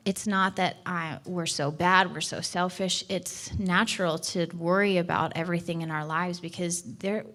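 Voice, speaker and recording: A young woman speaks from a church stage as its missions director. Her voice sits on the low side for a woman. She talks in an earnest, chatty way, full of little fillers and restarts, and her pitch stays fairly even. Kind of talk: church talk. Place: church hall.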